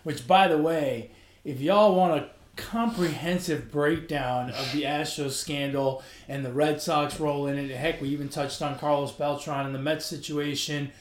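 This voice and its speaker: A man's voice: on the high side, steady tone, normal speed, roomy sound. A man hosting a casual sports podcast, easygoing and joking, often restarting his sentences. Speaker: podcast host.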